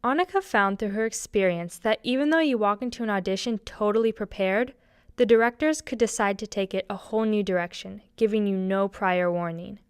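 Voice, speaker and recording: A woman narrating a short documentary and interviewing its subject, reading her script in an even, read-aloud way. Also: mid-range voice, a little fast, smooth, dry recording, clean studio sound.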